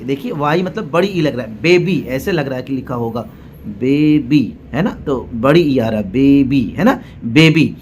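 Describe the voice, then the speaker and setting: A man's voice: medium pitch, animated, unhurried, darkish tone, a little hiss or hum. A man teaching English letter sounds in a patient spoken lesson. He says each example word several times and keeps asking the viewer to pay attention. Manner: often asks the viewer to notice and checks agreement.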